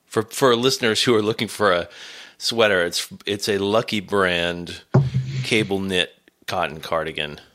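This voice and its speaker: A middle-aged man with a gravelly, congested voice from a cold, chatting casually and hesitantly as a podcast host. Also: deep voice, a little slow, sharp tone. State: has a cold.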